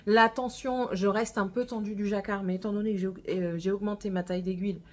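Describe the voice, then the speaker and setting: This knitting podcaster, a woman from northern France with a hint of Gironde in her accent, talks casually to camera about her knitting. Her medium-pitched voice is steady and darkish, a bit fast, and she rambles, hesitating and correcting herself often.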